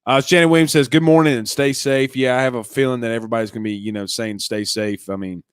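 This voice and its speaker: Reading comments during a relaxed live stream, a young sports podcast host from Louisiana talks fast with fairly even intonation, often restarting sentences and addressing people as "man" and "bro." His voice is mid-pitched, smooth and resonant with slight congestion, and the audio is close and dry with no echo.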